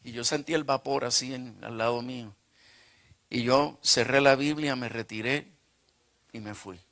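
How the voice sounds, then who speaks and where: Male pastor, sermon storytelling, bright forceful tone, animated. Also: mid-range voice, unhurried. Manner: animated, acts out dialogue.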